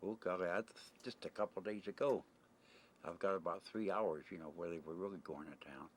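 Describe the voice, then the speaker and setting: Speaking briskly in a low voice, the older American ex-merchant seaman gives plain-spoken, rambling interview answers peppered with mild cursing. The 1990 amateur videotape audio is noisy, picking up ambient sound from the desert camp.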